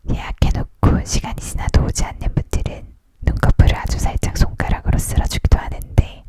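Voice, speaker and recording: Whispering ASMR story reader. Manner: leaning in to whisper, entirely unvoiced. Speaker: audiobook reader.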